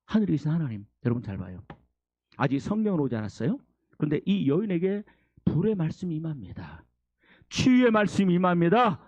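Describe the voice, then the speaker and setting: A male pastor preaching an animated, exhorting sermon, calling the congregation to respond. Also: a little high, fairly quick, muffled recording. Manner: animated, exhorting preaching, acts out scripture quotes.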